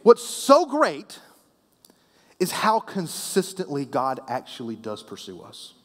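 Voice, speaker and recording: A man preaching a sermon as pastor, conversational and playful with the congregation, often dropping soft and low at the ends of phrases. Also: wildly swooping pitch, slow pace. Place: church sanctuary. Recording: long reverb of a church hall.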